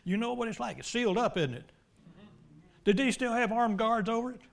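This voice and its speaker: Emphatic high-voiced preacher. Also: male voice, fairly quick, creaky. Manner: emphatic, folksy, swings from loud to hushed. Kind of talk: sermon.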